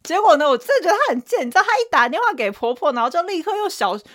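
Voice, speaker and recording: A woman from Taiwan in her thirties, co-hosting a casual chat podcast and telling stories in an animated way, laughing often. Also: sits high, racing. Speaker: podcast co-host.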